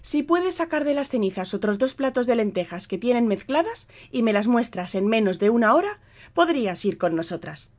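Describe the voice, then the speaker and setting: A woman voicing a cold, scornful middle-aged stepmother who scolds loudly and mockingly. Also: a little high, very animated, moderate pace, voice pushed up.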